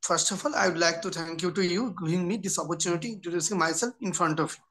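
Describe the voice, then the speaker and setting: Slow, low-voiced woman. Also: fairly bright tone, a little hiss or hum. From West Bengal, India. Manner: formal, slightly halting. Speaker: trainee. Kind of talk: self-introduction.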